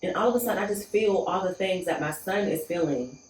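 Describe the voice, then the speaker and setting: A woman's voice: fairly low pitch, a little fast. A woman from Pittsburgh, a guest telling her personal story in conversation and acting out what she said back then. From Pittsburgh, USA. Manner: animated storyteller acting out her own past lines. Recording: echoey room, distant mic, faint noise.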